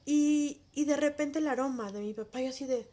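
A woman with a high voice gives a heartfelt personal testimony. She speaks in an emotional, intimate way, as if confiding in one listener. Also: moderate pace, dark tone.

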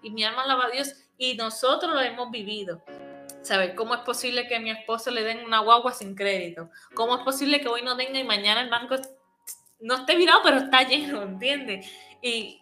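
Woman, fervent testimony, keeps checking in w/ listener, brightish higher voice, soft music behind. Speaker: churchgoer sharing testimony. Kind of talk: testimony, casual speech.

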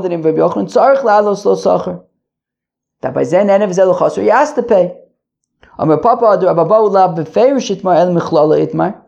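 A man teaches Talmud informally, reading aloud and explaining line by line, haltingly, thinking aloud and repeating phrases. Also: high-pitched, creaky, darkish tone. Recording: dull lo-fi recording.

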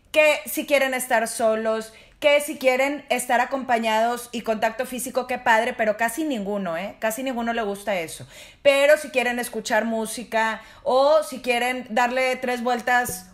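A woman's voice: high-pitched, fairly bright tone. A middle-aged woman, explaining parenting strategies directly to parents in a casual talk. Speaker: parenting guest expert.

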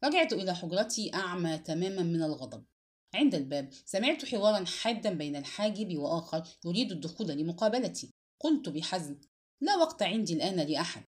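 A woman's voice: fairly low pitch, quick pace. A woman giving a dramatic first-person audiobook narration. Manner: expressive, dramatic storytelling.

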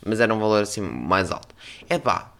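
A young man with a European Portuguese accent, a podcast host telling a story in casual chat and acting out other voices with sudden loud bursts. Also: lowish voice, very animated, a little fast, gravelly.

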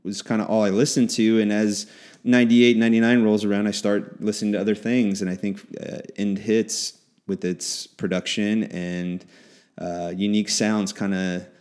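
A man's voice: lowish voice, flat delivery, moderate pace, a little mellow. A man in his forties, a podcast co-host, reminiscing in casual chat with many restarts. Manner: reflective, rambling with restarts.

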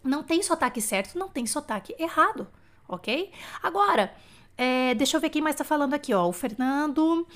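Woman, Brazilian accent, high voice, live-stream teacher, chatty, conversational, addresses listeners directly. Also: fairly bright tone. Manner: chatty and conversational, often addressing listeners with questions and check-in tags. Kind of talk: casual live lesson, chatting with viewers' comments.

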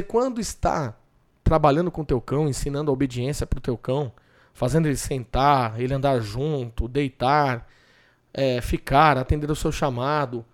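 A man's voice: fairly high pitch, a little mellow. A man, a dog trainer explaining theory and practice in a chatty, repetitive way. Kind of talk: instructional talk.

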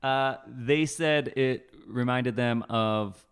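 A man co-hosting a podcast, chatting casually about a movie trailer, halting and repeating himself, quick to laugh. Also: medium pitch, clean tone. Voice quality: halting, lots of fillers and restarts, laughs easily. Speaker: podcast co-host. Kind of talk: casual movie-review chat.

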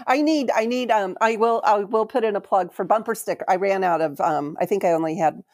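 A woman's voice: mid-range voice, brisk, darkish tone, no echo, clean studio sound. A woman hosting a podcast interview, enthusiastic and encouraging, with fillers like "um". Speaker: podcast host.

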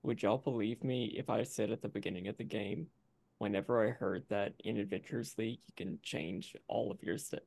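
A man's voice: lowish voice, steady tone, a little fast, creaky, a little mellow, no echo. A man panelist chatting casually, wry and reflective. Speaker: panelist on a role-play show.

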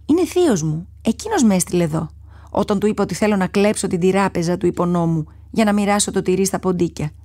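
A plucky little boy mouse from a storybook, as a woman reads him aloud. He sounds eager and earnest, pitched above the reader's own dark, husky tone in a dry, close recording. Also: lively intonation, no room sound, lightly acted. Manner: eager, earnest, higher and brighter than her narration. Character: small brave young male sewer mouse. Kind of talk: storybook character voice.

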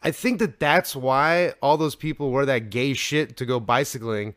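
A man's voice: mid-range voice, normal speed, a bit bright, dry recording, studio quality. A man hosting a casual comedy podcast, teasing his guest and laughing often. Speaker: podcast host.

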